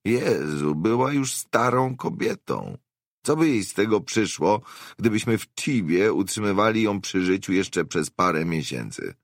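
A man doing Rudy, a worn brother, higher pitch. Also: sing-song, unhurried, creaky, no room sound, clean studio sound, full character voice. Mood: reproachful. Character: middle-aged man, weary hard-drinking brother.

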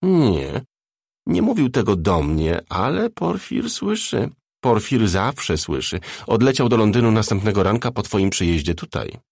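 Camp fussy hairdresser guy, read by a man, swoopy sing-song, gravelly, dry close sound. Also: on the low side, very animated, unhurried, darkish tone, dry recording, full character voice. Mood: gossipy. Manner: camp, talks of himself in third person, scolding. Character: tall flamboyant male hairdresser, fussy and sly.

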